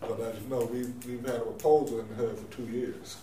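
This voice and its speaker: A man's voice: medium pitch, flat delivery, brisk, dark tone. A man in an official role explaining things informally at a meeting, folksy and sprinkling in 'you know'. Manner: folksy, uses y'all and frequent 'you know'. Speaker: housing authority official presenting. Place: indoor meeting room. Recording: echoey room, distant mic, clear noise.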